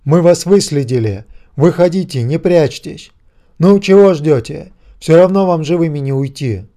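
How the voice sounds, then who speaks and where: Brief: menacing bandit barking threats through a megaphone, put on by a male narrator, loud and raised. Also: fairly high pitch, animated, moderate pace, pitched above the performer's own voice. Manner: snarling, loud.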